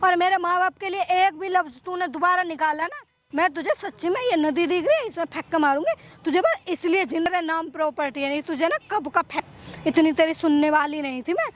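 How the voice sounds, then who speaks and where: A woman's voice: very high-pitched, a little fast. A woman playing a cruel, greedy young daughter-in-law who scolds and threatens her mother-in-law in a staged outdoor skit by a river. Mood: threatening. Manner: scolding, threatening, repeating orders.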